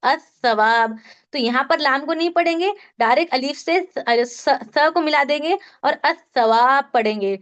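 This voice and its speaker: A woman's voice: high voice, moderate pace, few pauses, fairly bright tone. A woman teaching a Quran recitation class online, explaining rules patiently step by step and quizzing her students. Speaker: tajweed teacher.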